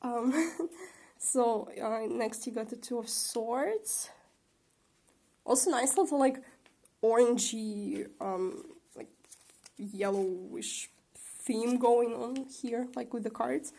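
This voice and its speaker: Young female tarot vlogger, slightly high voice, recovering from a sore throat, chatty, rambling. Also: slow, vocal fry, long pauses, dark tone. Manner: rambling, chatty, many fillers and laughs. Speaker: tarot reader and channel host. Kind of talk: casual tarot reading vlog.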